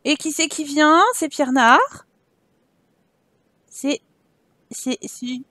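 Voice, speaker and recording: High-voiced, playful French woman. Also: fairly even intonation, very slow, pushed and bright, dry recording, studio quality. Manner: chatty and playful, talks to her game characters. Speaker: Sims gameplay YouTuber. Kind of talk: casual let's-play commentary.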